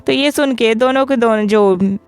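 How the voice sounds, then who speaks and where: A woman with a smooth, clear voice pitched a little high retells a drama in a relaxed, chatty way. She walks through each scene step by step and speaks every character's lines in her own plain voice. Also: moderate pace, no room sound. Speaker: drama recap narrator. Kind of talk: casual storytelling recap.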